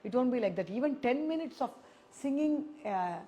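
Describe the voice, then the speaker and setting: South Indian woman, higher-voiced singing teacher. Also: animated, moderate pace, warm tone, a little hiss or hum. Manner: explains step by step, repeating syllables and phrases to demonstrate. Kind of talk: spoken music lesson with sung syllable demonstrations.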